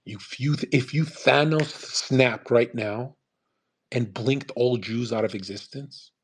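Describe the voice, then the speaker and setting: A man's voice: mid-range voice, takes it slowly, husky. A man hosting a podcast, talking in a rambling, profane casual monologue. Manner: profane, rambling rant with frequent "man" and "bro". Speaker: podcast host.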